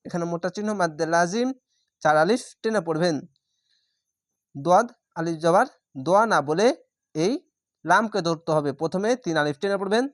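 Slow letter-by-letter Quran teacher. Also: mid-range voice, no echo, studio quality. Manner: spells out each syllable letter by letter, then chants the word slowly; calm instructive explanations between recited words. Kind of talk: step-by-step recitation lesson.

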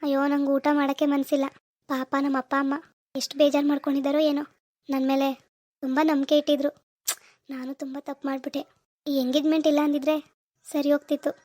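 A woman's voice: high-pitched, flat delivery, brisk, pauses often, darkish tone, dry recording, natural voice. A woman voicing a worried, regretful young husband in a cartoon. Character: remorseful young husband Satish.

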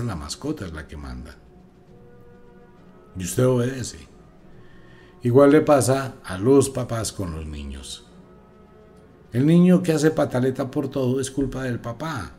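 A man giving an emphatic, preachy radio talk as host, moving between loud and hushed delivery. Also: medium pitch. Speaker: radio host, magic teacher.

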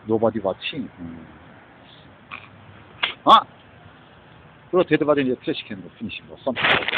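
A man's voice: medium pitch, narrow, tinny audio, slight background noise. A man talking in a rambling monologue, switching between Korean and English and often breaking off with a questioning "huh?". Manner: rambling, mixes Korean and English, keeps asking "어?".

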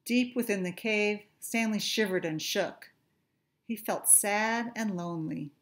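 A middle-aged woman, a teacher, reading a children's story aloud with expressive, deliberate phrasing in a room at home. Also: medium pitch. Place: small furnished room at home.

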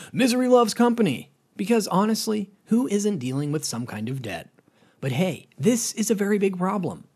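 Fairly high-pitched with a breathy edge, this American man voices a finance explainer from a script. He keeps it chatty, calls his audience "guys," and his intonation rises in a lively way.

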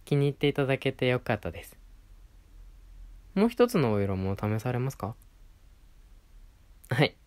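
In a situation-voice roleplay, a voice performer plays a polite, attentive male clothing shop assistant serving a regular customer. His mid-pitched, natural voice has lively intonation, and he talks at a normal speed with frequent pauses in a courteous customer-service manner.

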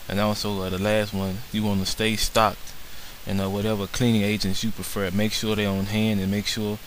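A man's voice: on the low side, flat delivery, normal speed, a little hiss or hum, rough recording. A man narrating a slideshow lesson on barbershop sanitation in an earnest way, with many filler words. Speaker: barber instructor.

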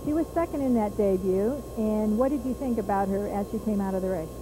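A woman's voice: medium pitch, fairly quick. A woman interviewing a horse trainer trackside for a racing broadcast, asking questions in a polished manner. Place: outdoor fairground racetrack. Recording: background noise at the track.

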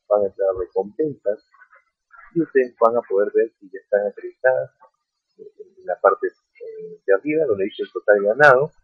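In a screen-recorded tutorial, an online earning vlogger walks viewers through a website, often asking "ok?" and calling them friends. His voice is fairly low with a breathy edge, recorded as a voice-over at his computer. The sound is dry and tinny, like a phone, with no room sound.

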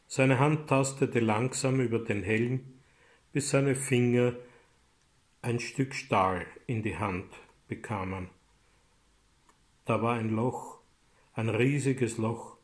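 A man from Austria, an author reading his own story aloud in a measured, dramatic way. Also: medium pitch. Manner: measured and dramatic, rising in loud passages. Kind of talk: literary reading.

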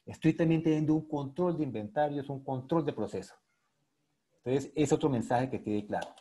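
A man's voice: medium pitch, normal speed, mellow, slightly rough. A man with a Colombian accent giving an enthusiastic technical presentation online, speaking straight to his audience. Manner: enthusiastic, addresses audience directly. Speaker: lecturer.

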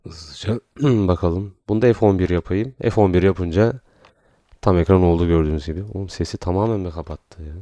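Low-voiced man joking through gameplay. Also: brisk, no echo. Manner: playful, talks to the game creatures in bursts of excitement; laid-back walkthrough talk between outbursts. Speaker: gaming and tech YouTuber. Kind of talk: casual gameplay commentary.

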